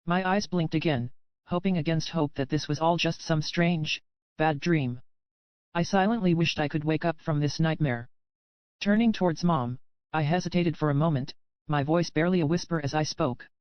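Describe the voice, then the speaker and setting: A woman narrates a first-person audiobook in an even, steady storytelling voice. Her tone is smooth and clear. The recording is dry and slightly dull. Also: deep voice, moderate pace, dry recording.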